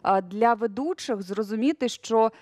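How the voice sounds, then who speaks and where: A young woman, a news producer, chatting as a guest in a studio interview, relaxed and chatty, with many fillers. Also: a little high, normal speed, no echo.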